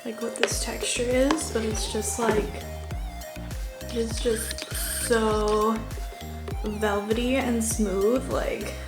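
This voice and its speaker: A woman's voice: a little high, level tone, slow pace, long pauses. A woman chatting casually through a vegan cooking demo at home, gushing about the food and filling her talk with "um" and "like.". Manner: chatty, full of fillers like "um" and "like". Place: home kitchen. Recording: echoey room with background music.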